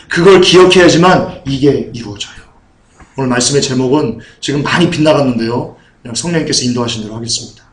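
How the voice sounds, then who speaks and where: A man's voice: a little high, roomy sound, rough recording. A man preaching a sermon as pastor, with emphatic, repeated appeals to the congregation.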